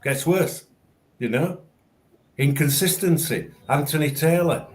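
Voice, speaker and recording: A man's voice: fairly high pitch, measured pace. A man hosting a casual chat as a former referee, speaking emphatically and repeating words as he starts sentences, over a video call. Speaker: show host and former referee.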